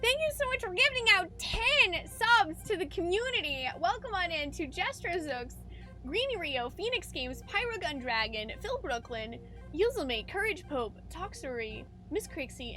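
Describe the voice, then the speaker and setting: Very high-pitched playful gamer girl streamer. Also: big pitch swings, normal speed, pushed and bright. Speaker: gaming live streamer. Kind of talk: playful, excitable live stream chat over gameplay. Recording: game music behind the voice. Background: game music.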